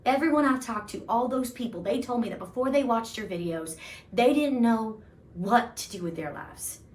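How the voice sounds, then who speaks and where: A woman's voice: fairly high pitch, expressive, normal speed, darkish tone, recorded from a distance, natural voice. A woman playing a sincere, gushing young woman in an audition monologue. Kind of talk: audition self-tape monologue.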